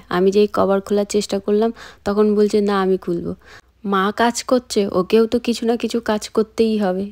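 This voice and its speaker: A woman's voice: mid-range voice, darkish tone. A woman from India, narrating a casual home vlog as a mother and chatting to viewers as she points things out. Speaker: vlogger and mother. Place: family home.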